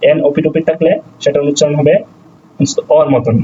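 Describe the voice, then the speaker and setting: A man teaching a beginner's language lesson step by step, slowly spelling out letters and repeating each sound several times. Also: on the high side, fairly even intonation, phone-quality sound, slight background noise.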